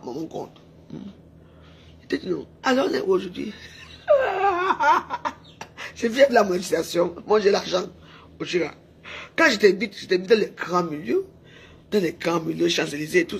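A woman's voice: on the low side, slightly rough. A woman, delivering a heated, taunting rant to her camera, repeating her jabs. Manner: heated, taunting, repetitive shouting. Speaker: social media personality. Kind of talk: angry insulting rant to camera.

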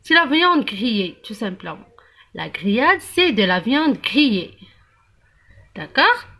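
A woman teaching young children to read, spelling out letters and syllables slowly and praising the class often. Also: on the high side, big pitch swings, bright, forceful tone. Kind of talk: early reading lesson for young children.

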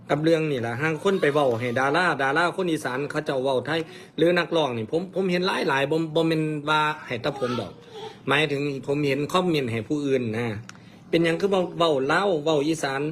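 A man with an Isan accent from the Khon Kaen area chats casually on a livestream, earnest and plain-spoken as he lectures his viewers. His voice sits a little high for a man. A faint hiss of noise runs underneath. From Isan, northeastern Thailand. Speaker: mor lam performer answering comments on a livestream.

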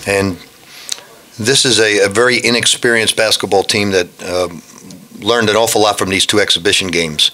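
A man's voice: fairly low pitch, steady tone, moderate pace, pushed and bright. A man in his sixties, a head basketball coach answering reporters frankly at a post-game press conference, speaking into a desk microphone and often restarting his sentences. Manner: blunt, frank, with frequent restarts. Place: press room in front of a backdrop.

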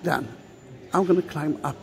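Gravelly man guiding a church tour. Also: on the high side, noisy background. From Israel. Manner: unhurried, musing, often drops to a hushed whisper. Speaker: tour guide. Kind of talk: walking video tour narration. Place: large stone church interior.

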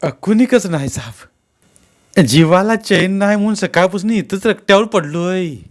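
A man's voice: high voice, lively intonation, unhurried, voice pushed up. A man voicing a poor, sick and frightened village man who pleads in rustic speech in a read-aloud story. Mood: pleading frightened.

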